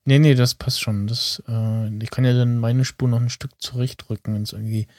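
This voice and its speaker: A man's voice: mid-range voice, flat delivery, moderate pace, a little mellow, no echo, studio quality. A man co-hosting a casual podcast, talking hesitantly with many fillers and frequent laughs. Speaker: podcast co-host.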